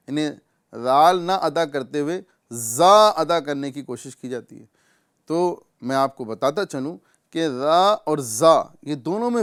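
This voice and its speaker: A man with a Pakistani Urdu accent teaching correct recitation, explaining patiently and drawing out individual sounds slowly as examples. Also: on the high side, smooth. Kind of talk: tajweed lesson with recitation examples.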